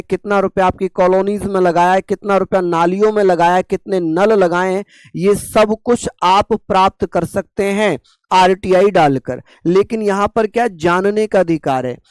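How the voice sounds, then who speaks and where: A male teacher lectures a class in a fairly high, smooth, resonant voice with fairly even intonation, repeatedly posing rhetorical questions and slowly restating key terms. The audio is dry, without room echo.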